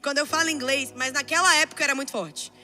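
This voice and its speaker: A woman's voice: high-pitched, steady tone, fast, pushed and bright. A Brazilian woman with a Brazilian accent, preaching a sermon with impassioned storytelling that builds to fervent exhortation. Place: church service.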